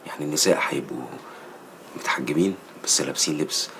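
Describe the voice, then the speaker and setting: A man's voice: a bass voice, quick pace, gravelly, noisy background. An actor with an Egyptian accent playing a pious brother who earnestly lectures his sister. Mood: preachy. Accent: Egyptian Arabic. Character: stern pious brother, adult man, preachy. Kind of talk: TV series acting.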